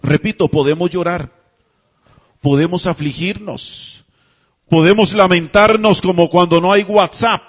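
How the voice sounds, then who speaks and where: A high-pitched man delivers a sermon in a conversational way, tossing out rhetorical questions and having the congregation repeat lines back to him. The sound is dull and muffled, like a radio broadcast. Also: fairly even intonation, unhurried. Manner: calls the congregation to repeat phrases. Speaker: pastor.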